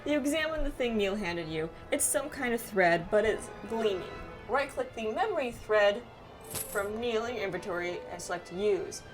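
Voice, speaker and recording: Speaking at normal speed with lively intonation, a woman in a mid-range voice chats through a game playthrough with friends, game music in the background. She reads the quests aloud and murmurs little asides to herself.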